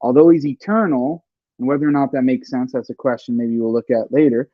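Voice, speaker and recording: A man hosting a podcast talks briskly in a mid-range voice, laying out an idea bit by bit in easygoing conversation packed with fillers. The dry recording comes from a home computer mic over a stream and sounds dull and lo-fi.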